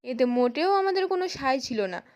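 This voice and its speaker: A woman's voice: high-pitched, sing-song, fairly quick, a little mellow. Woman retelling as an evasive village headman. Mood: dismissive. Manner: dismissive, hedging.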